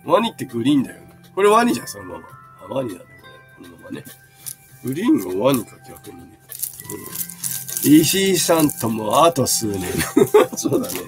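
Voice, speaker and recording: A man's voice: mid-range voice, big pitch swings, fairly quick, faint music behind. A man in his fifties selling bags on a casual live stream, chatting and answering viewer comments as he shows each item. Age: 50s.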